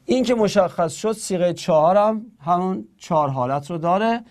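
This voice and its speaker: A man's voice: high-pitched, a little mellow. A man teaching Arabic grammar in Persian, spelling words out syllable by syllable and adding playful asides. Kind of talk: classroom lesson.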